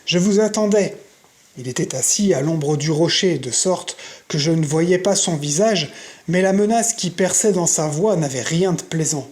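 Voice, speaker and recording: A reader narrating a novel in an audiobook with steady, measured storytelling. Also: medium pitch. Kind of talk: scripted narration.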